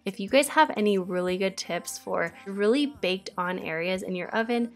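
A woman's voice: mid-range voice, lively intonation, normal speed. A woman, chatting casually in voice-over about cleaning her home and asking viewers for advice. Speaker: cleaning vlogger. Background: faint background music.

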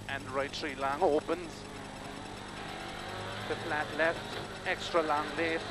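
A male rally co-driver reading rapid pace notes in terse, clipped calls of directions and numbers inside a moving car. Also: a little high. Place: inside a rally car at speed on country lanes. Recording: very loud car engine noise. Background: loud engine and vehicle noise.

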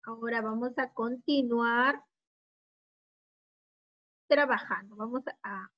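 A woman teacher, giving a children's phonics lesson and slowly repeating each word. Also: a little high. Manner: slow and clear, drawing out and repeating words. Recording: slightly dull lo-fi recording.

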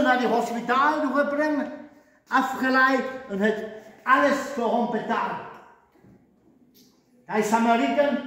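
A man's voice: very high-pitched, fairly bright tone. A man preaching a sermon in an emphatic, repetitive way. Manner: emphatic, repetitive preaching with rising and falling stresses. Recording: echoey hall, voice far from mic.

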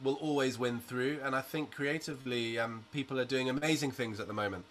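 A British man in his thirties, a musician appearing as a guest on a video-call interview, speaks from a small attic room with a sloped roof. His mid-range voice is brisk and fairly bright, earnest and outspoken, peppered with "you know," picked up by a laptop webcam with slight background noise.

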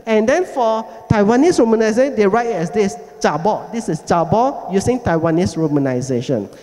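Man, high voice, lecturing at a forum, reverberant hall sound. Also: darkish tone. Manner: explanatory, repeats key words slowly. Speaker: heritage forum speaker. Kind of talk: presentation lecture.

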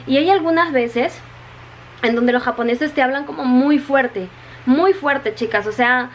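A woman's voice: sits high, measured pace, a little hiss or hum. A woman in casual vlog talk, chatty and repeating her words, often calling her viewers "chicas", still wet from the rain. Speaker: vlogger. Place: her home in Japan.

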